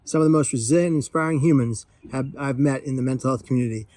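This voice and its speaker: Here a man opens a parcel during an excited, casual vlog chat, delivering it with exuberance, playfulness, and emphasis. His mid-range voice has a darkish tone, and there's no echo.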